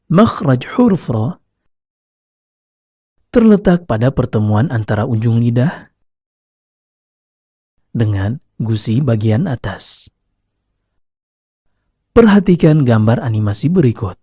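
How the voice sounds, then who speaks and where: A man giving slow, deliberate scripted narration as a recitation teacher, demonstrating each sound himself. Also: medium pitch, very animated, dark tone, slightly rough, dry recording. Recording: dry, slightly dull lo-fi recording.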